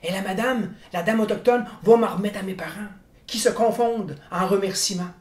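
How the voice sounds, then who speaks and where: A man in his sixties with a Quebec French accent performs oral tall tales. His telling is theatrical and animated, building suspense as he goes. The recording is clearly roomy. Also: sits high, moderate pace. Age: 60s. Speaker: storyteller. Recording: roomy, echoing room.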